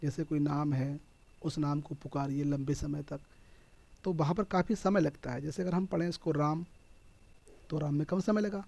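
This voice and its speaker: A man's voice: on the high side, fairly even intonation, normal speed, vocal fry, mellow. A man with a Hindi accent teaching an exam-prep lesson, explaining step by step and answering his own questions.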